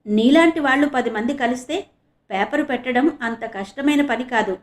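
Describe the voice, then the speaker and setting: A woman's voice: sits high, fairly quick, lightly acted. A woman voicing a hopeful young male reporter in an audio novel, reading his lines eagerly. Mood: earnest.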